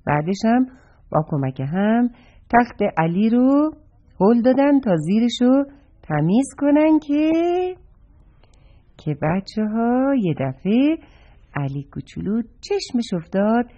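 A woman telling a children's story and speaking directly to young listeners, recorded dull and lo-fi. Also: fairly high pitch. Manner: warm, expressive, addresses children directly.

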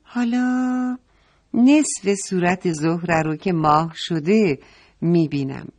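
A woman voicing a curious, excited young girl in a children's story. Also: lowish voice, natural voice. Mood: excited wonder. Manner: eager, exclaiming.

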